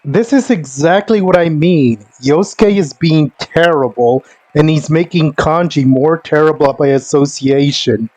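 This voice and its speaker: A man's voice: a little high, measured pace, hardly any pauses, darkish tone, low-quality recording. A man giving casual commentary as a game streamer, with a sardonic, exasperated manner and free swearing. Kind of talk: casual commentary over gameplay.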